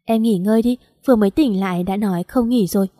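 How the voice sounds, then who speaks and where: A woman voicing a gentle, protective young man who speaks softly and reassuringly. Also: mid-range voice, quick pace, no echo, studio quality, natural voice.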